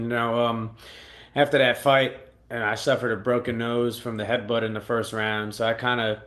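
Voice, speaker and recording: A man's voice: mid-range voice, fairly bright tone. Brooklyn-accented man chatting as a guest. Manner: profane, slangy, buddy-like. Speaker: guest, professional fighter. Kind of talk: casual interview chat.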